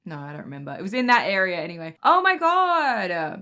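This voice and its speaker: A young woman with an English accent hosting a casual music reaction video, chatty and excitable, laughing often. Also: medium pitch, quick pace. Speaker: music reaction channel host.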